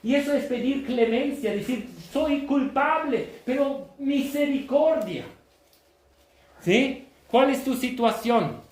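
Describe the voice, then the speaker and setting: A man preaching a sermon, emphatic and half shouting, often checking in with listeners. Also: very high-pitched, slow. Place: church hall. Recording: echoey church room.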